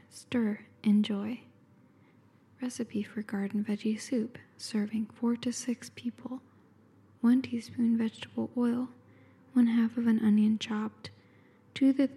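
A woman in an intimate ASMR whisper, close as if right in the listener's ear, calmly describing and reading aloud without hurry. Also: on the high side, creaky, husky. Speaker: ASMR host.

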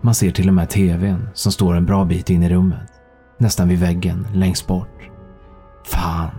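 A man narrating a thriller audiobook in a calm, measured storytelling manner. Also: deep voice, faint music behind.

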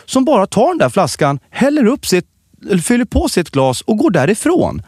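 Man, podcast co-host, casual chat, lively swooping pitch, dry close sound. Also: breathy edge, no echo. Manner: animated storytelling, lively pitch.

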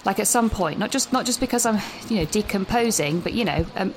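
A woman's voice: mid-range voice, expressive, fairly quick, slight background noise, close to an everyday voice, rough recording. An actress playing an anxious, chatty young British university student, out of breath and rambling as she leaves a voice message while walking outdoors. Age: young adult. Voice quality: rambling, self-interrupting, nervous. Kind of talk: audio drama voice note.

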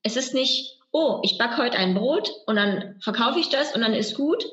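Reflective actress musing in a rambling way. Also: female voice, on the high side, expressive, normal speed, a bit bright, highs cut off. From Germany. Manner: reflective, rambling with many restarts and fillers. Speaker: actress and guest. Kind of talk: conversational interview.

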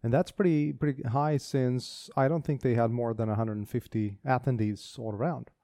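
A man's voice: medium pitch, fairly even intonation, moderate pace, mellow, no echo, clean studio sound. A man co-hosting a casual tech podcast, talking with enthusiasm and frequent restarts. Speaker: podcast co-host.

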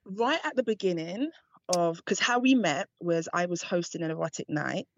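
A woman's voice: on the low side, moderate pace, no echo. A woman guest on a podcast interview, talking frankly and chattily and laughing often. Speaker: guest, dominatrix and seduction coach. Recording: dull dry remote line.

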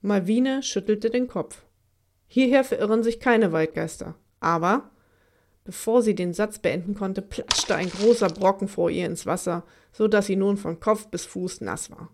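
Expressive woman reading a children's story. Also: mid-range voice, moderate pace, hardly any pauses. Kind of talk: scripted narration for children.

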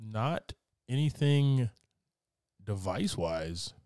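A man's voice: on the low side, sing-song, slow pace, darkish tone, smooth, dry recording, clean studio sound. A man co-hosting a podcast, chatting casually about movies, joking and tripping over words. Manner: jokey, stumbles over words, laughs a lot. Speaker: podcast co-host. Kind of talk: casual film chat.

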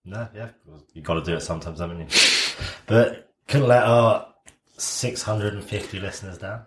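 A man co-hosting a casual sports podcast with dry, deadpan humour. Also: fairly low pitch, moderate pace, echoey room, heavy background noise. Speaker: podcast co-host.

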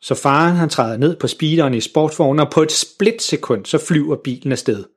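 A man reading a children's story aloud in a lively, expressive way. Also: a little high, breathy edge.

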